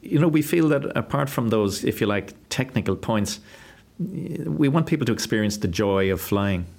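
A man, head of flight training, answering interview questions in an earnest, measured way with frequent fillers. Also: medium pitch, animated, creaky, darkish tone.

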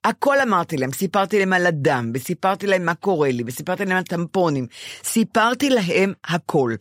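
An older woman in casual chat, telling a personal story with lively swings and acting out her own words. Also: on the low side, no room sound, studio quality. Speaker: podcast co-host.

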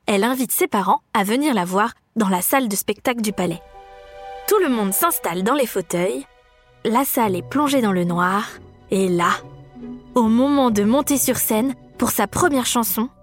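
A woman narrating a children's story aloud in a lively, expressive way for young listeners. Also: a little high.

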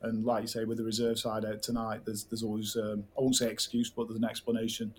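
A man co-hosting a football podcast, speaking in a measured, hedging way. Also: lowish voice, completely flat delivery, a little hiss or hum. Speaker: podcast co-host. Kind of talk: casual football chat.

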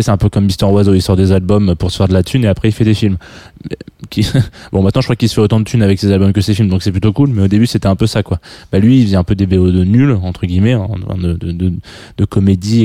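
A man's voice: on the low side, warm tone, no echo, studio quality. A young man hosting a radio show, talking casually and rambling with many fillers and restarts. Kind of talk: casual talk about film soundtracks.

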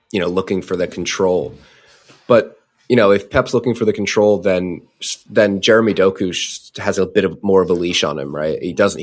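A young man co-hosting a casual football podcast, talking through tactics analytically and playing devil's advocate. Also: deep voice. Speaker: podcast co-host.

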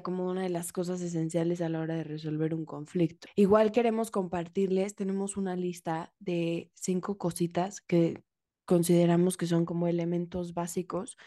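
A woman's voice: fairly low pitch, no room sound, studio quality. A woman co-hosting a podcast, talking things through reflectively with lots of fillers. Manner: reflective, explains calmly with many fillers. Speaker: podcast co-host. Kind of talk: casual podcast talk.

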